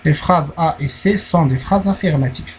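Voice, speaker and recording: A man with a Moroccan accent, teaching a primary school French lesson, explaining slowly and repeating key words. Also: a little high, a little mellow, a little hiss or hum, rough recording.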